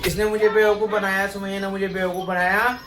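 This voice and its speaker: A man's voice: high voice, flat delivery, brisk. A man filming a casual home vlog on a phone, chatting and playfully teasing his young daughter. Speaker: family vlogger and father.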